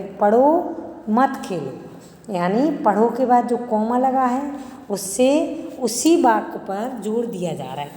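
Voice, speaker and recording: Woman, school teacher, lively up-and-down pitch, rhetorical questions, echoey room. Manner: explains step by step with rhetorical questions. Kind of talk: classroom grammar lesson. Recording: echoey room with long reverb.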